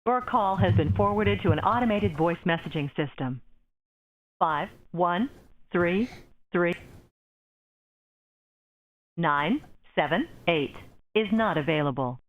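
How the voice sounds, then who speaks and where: Automated voicemail message, woman, lowish voice, measured delivery, dull lo-fi phone sound. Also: animated, a little hiss or hum. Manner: measured, evenly paced recorded prompt. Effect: automated voicemail greeting played over a phone call.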